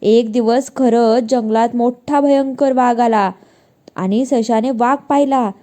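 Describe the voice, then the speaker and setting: A woman narrating a moral story for young children in a gentle, expressive way. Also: fairly high pitch, slow pace.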